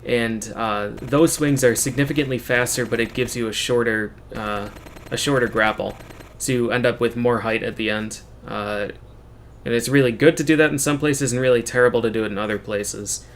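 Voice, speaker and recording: A man giving casual speedrun commentary as the runner, explaining technical details in a matter-of-fact, halting way. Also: medium pitch, fairly even intonation, slight background noise. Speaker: speedrunner commentating on own run. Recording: game music playing behind the voice. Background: video game music.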